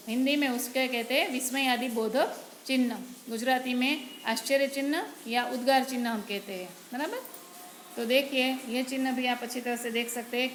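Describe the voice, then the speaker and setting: A woman's voice: sits high, fairly bright tone. A woman teacher from Gujarat explaining Hindi grammar patiently, step by step, in a lesson. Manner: patient, explains step by step, often says "barabar". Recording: echoey room with faint noise.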